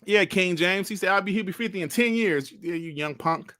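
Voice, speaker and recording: Bright-voiced man in his forties, banter. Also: high voice, a little fast. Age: 40s. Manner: loud, laughing, slangy banter with chat. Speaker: streamer reading live chat. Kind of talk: casual livestream chat.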